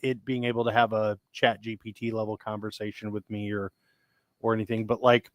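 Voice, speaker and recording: A man co-hosting a podcast, chatting casually and rambling with frequent restarts as he talks excitedly about sci-fi technology. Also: fairly low pitch, brisk, dry recording. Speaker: podcast co-host. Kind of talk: casual chat.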